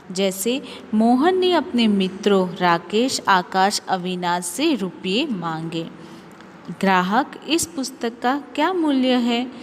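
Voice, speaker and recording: A woman teacher giving a school grammar lesson, explaining slowly and carefully and reading example sentences aloud. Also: medium pitch. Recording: long reverb, faint ambient noise.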